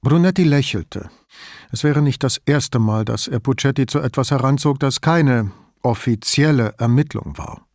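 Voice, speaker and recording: Man, audiobook narrator, measured reading, medium pitch, dry close studio sound. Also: a little mellow, dry recording. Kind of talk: scripted narration.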